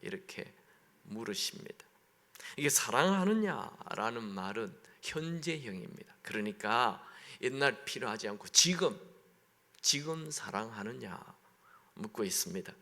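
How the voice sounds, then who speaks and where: A man's voice: mid-range voice, sing-song, unhurried, vocal fry, pushed and bright. A man, a pastor, preaching a sermon in a church sanctuary, talking in a conversational way and asking the congregation questions. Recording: long echo of a large hall.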